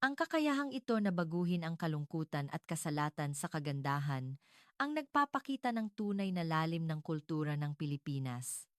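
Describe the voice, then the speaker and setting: A low-voiced woman delivers dramatic narration of a scripted story in a formal, measured manner. The recording is dry and close, with no room sound.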